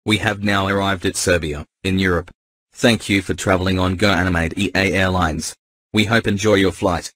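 A synthetic male voice playing an airline pilot, speaking over the plane's intercom with a flat, polite, formal delivery. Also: deep voice, moderate pace, no echo, studio quality. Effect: in-flight intercom announcement.

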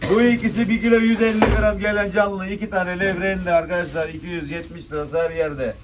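Casting: male auctioneer, high voice, chanting bids to buyers, picked up from a distance. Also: fairly even intonation, fast talker. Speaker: fish auctioneer. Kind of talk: auctioneer calling out bids to a crowd. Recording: distant noisy mic with clicks, birds.

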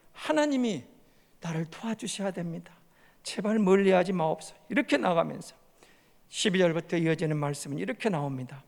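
A male pastor preaching a sermon in church, reading scripture aloud and restating it in plain words, swinging between loud emphatic lines and soft ones. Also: high-pitched, vocal fry. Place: church sanctuary. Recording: long church hall reverb.

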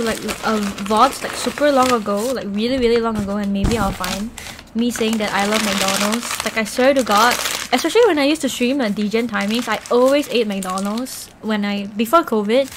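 Over a noisy background, a young female Twitch streamer with a slightly high voice chats casually while eating. She's rambling and giggly and uses "like" constantly.

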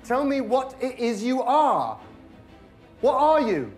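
A man's voice: fairly high pitch, moderate pace, a little mellow, faint music behind, close to an everyday voice. An actor playing a nervous, rambling young Englishman who stammers and talks to himself. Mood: flustered. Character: nervous, rambling English museum worker, man.

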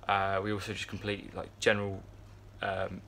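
A man in his twenties talks to a phone camera at arm's length in a yacht crew area indoors, near a fan. His deep, gravelly voice is monotone and sharp-toned at normal speed as he rambles through a casual vlog chat full of fillers and restarts, with slight background noise.

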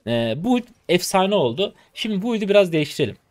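A man in his twenties from Turkey, a streamer commentating his game live in an excitable, chatty way, talking to his viewers and teasing opponents. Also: sits high, fast talker, no echo. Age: 20s. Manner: excitable, chatty, talks to chat, bursts of laughter and teasing.

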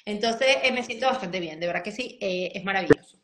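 A woman's voice: mid-range voice, fairly quick. A woman chatting casually on a live stream over a video call, effusive and gushing.

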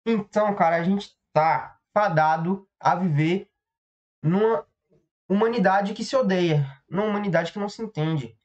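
Rambling, profane Brazilian podcast host. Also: male voice, sits high, moderate pace. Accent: Brazilian Portuguese. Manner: profane, rambling, self-interrupting. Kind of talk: rambling comedic monologue. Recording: slightly dull lo-fi sound.

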